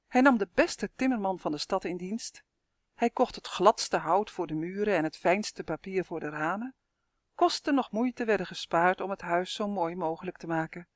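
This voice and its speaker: A woman reading her own children's fairy tale aloud, with clear, lively storytelling and voiced characters. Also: fairly low pitch, normal speed, no room sound, clean studio sound.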